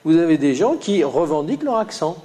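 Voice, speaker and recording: Guy from lyon giving a lecture, bit of a lyonnais accent, kinda high voice, lots of ums and restarts. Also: big pitch swings, fairly quick, mellow. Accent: Lyonnais French, slight. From Lyon, France. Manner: hesitant, many "euh" fillers and restarts. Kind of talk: classroom lecture with slides.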